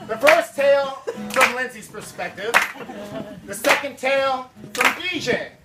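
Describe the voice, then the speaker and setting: Young male best man, slow playful wedding toast with sung rhymes, distant mic, music loud behind. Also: very high voice. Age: young adult. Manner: playful, performing to the guests. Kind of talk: wedding toast, alternating speech and sung comic verses.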